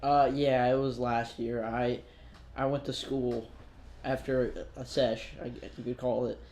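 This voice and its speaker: A young man telling a casual story to friends, halting and restarting often. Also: medium pitch, flat delivery, darkish tone, echoey room, a little hiss or hum. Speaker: podcast co-host.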